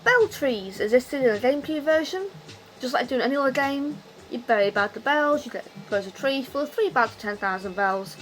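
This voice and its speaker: This video game commentator speaks a little fast, her voice sitting high and animated, and the recording quality is low. Drunk and unscripted, she rambles on about her hobby with loose-tongued, opinionated emphasis and plenty of exasperation.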